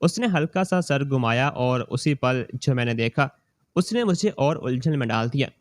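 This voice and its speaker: A man reading a scripted moral story in the first person, slow and steady. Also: mid-range voice, dry recording, studio quality.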